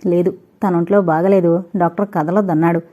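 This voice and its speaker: Woman reading as a quiet, subdued young husband. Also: lowish voice, fairly even intonation, brisk, voice pushed down, natural voice. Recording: tinny, phone-like recording.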